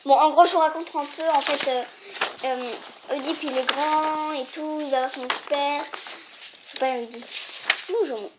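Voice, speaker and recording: A woman's voice: sits high, fairly even intonation, normal speed, heavy background noise. A young girl casually retelling a story, chatty and hesitant, with plenty of fillers.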